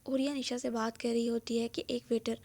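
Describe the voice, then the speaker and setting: A woman's voice: a little high, slight background noise. Woman reading a novel aloud. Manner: steady storytelling narration. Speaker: novel reader and channel host.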